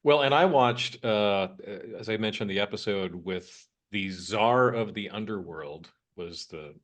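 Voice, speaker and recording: A man's voice: lowish voice, measured pace. A man in his fifties co-hosting a podcast, recounting things casually in a wry, anecdotal way. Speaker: podcast co-host. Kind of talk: casual chat.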